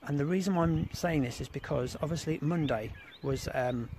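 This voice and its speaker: Broadcasting live from an abandoned rail site, an English host delivers a casual, rambling monologue full of restarts and repeated fillers. His voice is a little high and he speaks at a normal speed against a noisy background.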